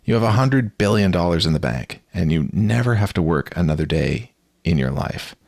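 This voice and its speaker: A man hosting a podcast, with a very low voice and a gravelly fry. He talks earnestly, stacking up rhetorical questions, and the recording is dry and close. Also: animated, normal speed, a little mellow, no echo. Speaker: podcast host. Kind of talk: conversational podcast interview.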